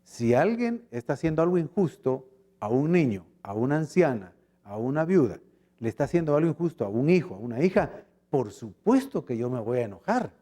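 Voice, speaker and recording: Guatemalan pastor guy preaching, voice jumps all over, warm mellow tone, acts out little scenes. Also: medium pitch, big pitch swings, brisk. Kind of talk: sermon.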